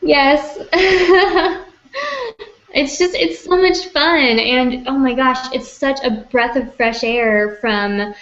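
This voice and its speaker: Young adult woman, casual podcast co-host, animated and quick to laugh, muffled lo-fi audio. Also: sits high. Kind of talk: casual chat.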